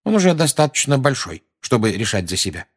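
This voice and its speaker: A man with a husky voice reading aloud, playing a calm, reasonable grown wizard who speaks in a measured, gently firm way. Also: medium pitch, voice pushed up.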